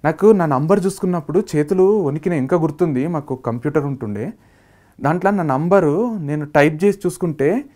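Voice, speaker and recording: A man with a Telangana Telugu accent, a startup founder telling a personal story in a lively way and acting out what his family said. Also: on the high side, brisk. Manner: lively, acts out family members' quoted lines.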